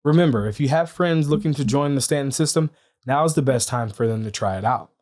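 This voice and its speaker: A man's voice: medium pitch, fast talker, a little mellow. A man hosting a scripted news show, with a nasal, congested voice. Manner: joking banter in outtakes. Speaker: news host.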